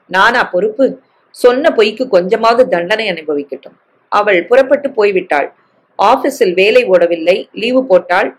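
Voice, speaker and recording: Woman reading a family novel aloud. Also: medium pitch. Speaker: story reader.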